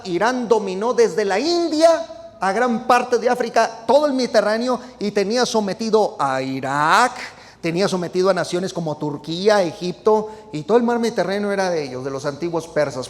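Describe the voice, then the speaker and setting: Emphatic high-voiced preacher, echoey hall. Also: male voice. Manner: emphatic, rhetorical questions, many fillers. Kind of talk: sermon-style commentary. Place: United States. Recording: long reverb hall sound.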